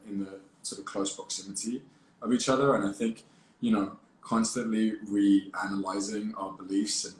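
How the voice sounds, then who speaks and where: A man with a lowish voice chatting casually on a livestream, playful and a bit rambling as he restarts his sentences. The sound is roomy and echoey, with a faint hum of background noise behind him. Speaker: actor. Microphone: phone livestream.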